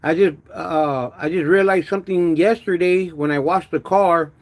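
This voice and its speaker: A man with a slurred, wet lisp from missing front teeth, chatting casually and haltingly in slangy speech as a car vlogger. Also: fairly high pitch. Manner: halting, stammered repetitions with pauses to manage saliva; slangy, uses "homie" and "dog", drops in Spanish words. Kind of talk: casual livestream chat about car work.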